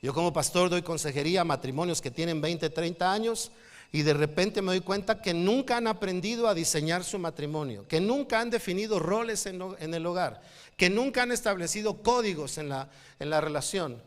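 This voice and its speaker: A man's voice: high voice, brisk. A man with a Mexican accent, a pastor preaching a sermon and telling stories with voiced quotes. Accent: Mexican Spanish. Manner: animated storytelling, acting out quoted people. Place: church hall. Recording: church hall reverb.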